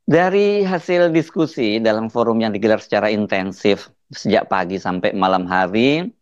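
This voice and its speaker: A man giving conversational news commentary as a host, in a halting delivery. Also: on the low side, lively intonation, no echo. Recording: slightly dull, dry close recording.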